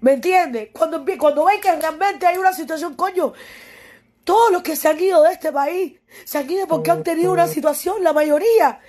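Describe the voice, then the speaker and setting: A woman's voice: very high voice, fairly quick, dark tone, slight background noise. A young woman with a Cuban accent speaking tearfully and wearily, repeating herself with passion and cursing as she pleads with a critic. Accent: Cuban Spanish. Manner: impassioned, repetitive, profane, pleading. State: tearful and weary. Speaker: musician addressing a critic. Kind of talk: emotional direct-to-camera monologue.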